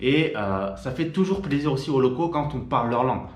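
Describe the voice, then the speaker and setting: A French man talks straight to the camera in a quick, informal patter, full of fillers and restarts. His pitch sits mid-range. The voice bounces around a roomy, echoing space. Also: lively intonation. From France. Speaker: YouTuber. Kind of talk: casual direct-to-camera talk.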